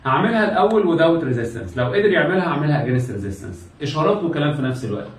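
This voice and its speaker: A man's voice: fairly high pitch, very animated, fast, distant mic. An Egyptian man gives a classroom lecture at a breakneck pace, hammering points home by repeating them and acting out the exam steps. He stands away from the mic. The room rings with echo. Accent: Egyptian Arabic. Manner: repetitive, drilling students, acts out exam steps. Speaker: medical lecturer. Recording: echoey room, speaker off-mic.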